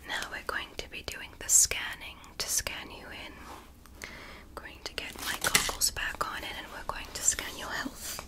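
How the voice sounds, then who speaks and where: An ASMR roleplay features a woman whispering as a gentle alien who examines the listener medically. Her manner stays soothing, measured and reassuring.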